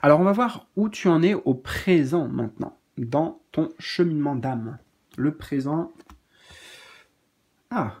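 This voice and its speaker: Gentle, hesitant man reading cards. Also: a little high, expressive, slow, long pauses, slightly rough. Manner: gentle and reassuring, hesitant with many fillers. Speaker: spiritual card reader. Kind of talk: casual spoken card reading.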